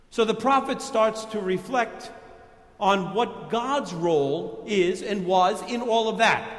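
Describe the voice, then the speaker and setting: A New York-accented man delivering a sermon in an easy, folksy manner. His high voice is heard in a roomy church with a long, lingering echo. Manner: conversational, folksy preaching. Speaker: pastor. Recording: echoey church reverb.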